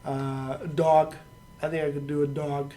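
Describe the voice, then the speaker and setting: A man co-hosting a podcast, chatting casually and swearing freely. His voice sits a little higher than most men's, with a faint hiss of noise in the recording. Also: little pitch movement, measured pace, mellow. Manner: laid-back, swears casually. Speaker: podcast co-host.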